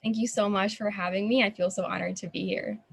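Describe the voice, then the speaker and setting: A woman's voice: medium pitch, steady tone, brisk, vocal fry, slightly rough. A young adult woman from Qatar, a student founder answering interview questions in an earnest, chatty way with frequent ums. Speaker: guest, student founder of an organization.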